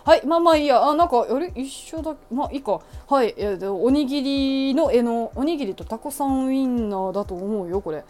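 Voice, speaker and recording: A woman's voice: a little high, expressive, brisk, hardly any pauses, darkish tone, faint music behind. A young woman chatting casually about her shopping, adding playful sound effects. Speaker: vlogger. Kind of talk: casual shopping haul vlog.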